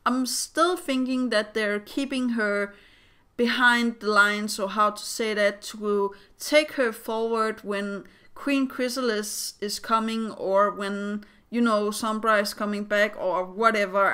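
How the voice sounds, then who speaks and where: A woman's voice: mid-range voice, fairly even intonation, slow, pushed and bright, smooth. A young woman giving casual fan theory commentary as a vlogger, rambling with hesitant phrasing.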